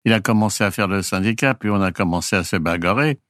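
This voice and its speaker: A man's voice: on the low side, quick pace, a bit bright, dry recording, clean studio sound. An older man, a retired flight crew member, casually telling anecdotes in a rambling way, often chuckling and restarting his sentences.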